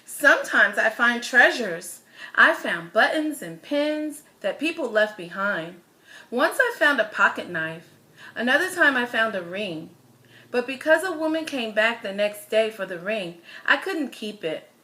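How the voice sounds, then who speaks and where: A woman reads a children's picture book aloud like a storyteller, her phrasing expressive and deliberate, with certain words stressed. Her voice sits on the high side.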